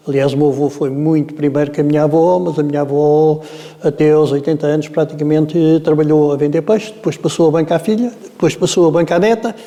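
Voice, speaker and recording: Mellow-voiced Portuguese man in his seventies. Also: fairly high pitch, in a large hall. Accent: European Portuguese, Lisbon area. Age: 70s. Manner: meandering, hesitant with frequent filler sounds. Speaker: interviewee. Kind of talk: oral history storytelling.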